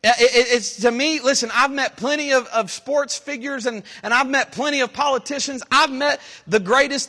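A pastor in his thirties preaching a sermon, switching between loud shouts and quiet, low asides. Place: church sanctuary. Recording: long reverb of a church hall.

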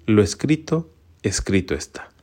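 A man with a lowish voice reading the lines of a stern male Roman governor in a Gospel reading, in a measured, questioning manner. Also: very animated, a little mellow.

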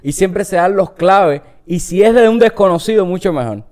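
Lively Cuban man, smooth voice. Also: high-pitched, normal speed. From Cuba. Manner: animated, acts out quoted voices. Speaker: podcast co-host. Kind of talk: casual chat. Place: Los Angeles.

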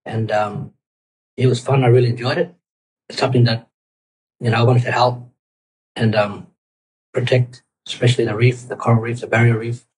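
A middle-aged man, a cultural guide answering interview questions in a halting way, with many pauses and restarts. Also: mid-range voice, flat delivery, a little mellow, slight background noise, poor audio. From Australia, Torres Strait Islands.

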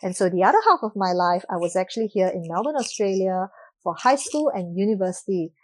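A woman's voice: medium pitch, a little fast. A woman in her thirties from Malaysia, hosting her own podcast in an earnest, upbeat monologue that often strings thoughts together with "and so.". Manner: earnest, upbeat, with frequent "and so" and restarts. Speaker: podcast host.

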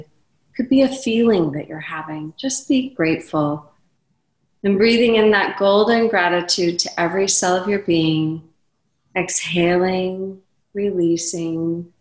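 Calm meditative woman in an echoey room. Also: lowish voice. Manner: calm, meditative, soothing tone with measured instructions. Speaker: podcaster and teacher guiding a breathing meditation as guest. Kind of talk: guided meditation.

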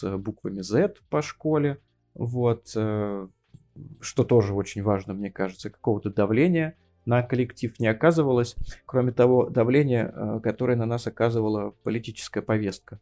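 A man's voice: medium pitch, normal speed, mellow, faint music behind. A man in his thirties from Russia, a geography teacher talking as a podcast guest, hesitant and full of fillers. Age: 30s. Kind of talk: casual interview.

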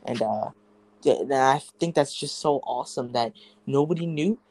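A man's voice: mid-range voice, normal speed, darkish tone, dry recording. A teenage boy hosting a casual podcast, rambling with many fillers and restarts. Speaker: podcast host.

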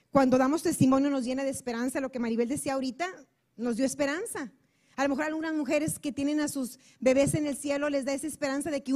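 Speaking into a handheld mic, a woman with a high, slightly mellow voice preaches to a women's group. She's earnest and chatty, acting out small everyday dialogues.

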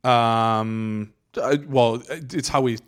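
A man's voice: mid-range voice, steady tone, very slow, clear, resonant tone. A man co-hosting a casual podcast, explaining things at length with frequent fillers and restarts. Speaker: podcast co-host.

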